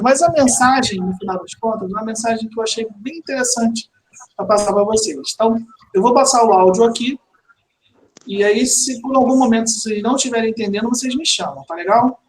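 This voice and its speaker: A calm, soft-spoken study group leader talking to a group online. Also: medium pitch, a little hiss or hum, poor audio.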